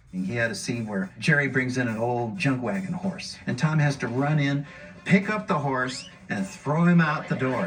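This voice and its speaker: Eager man discussing animation craft, distant mic, faint music bed. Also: mid-range voice. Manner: enthusiastic, detailed. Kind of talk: documentary interview.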